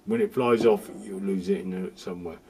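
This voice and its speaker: A man's voice: deep voice, steady tone, fairly quick, a little mellow, husky. A man giving a rambling, casual walkthrough of a boiler repair, often restarting his sentences and adding jokey asides. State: cold. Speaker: DIY video host.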